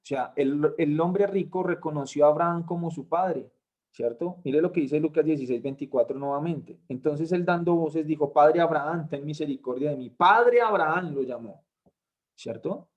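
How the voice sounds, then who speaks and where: Male Bible tutor, slightly high voice, explains slowly and checks in with listeners. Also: lo-fi sound. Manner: explains slowly, asks "¿cierto?" after points. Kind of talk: Bible class lesson.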